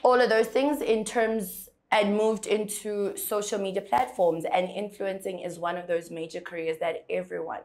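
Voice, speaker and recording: A young woman from South Africa hosts an interview in a bright studio. She talks in a lively, chatty way and laughs often. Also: medium pitch, moderate pace, few pauses. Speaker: talk show host. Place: bright studio set with pink rug.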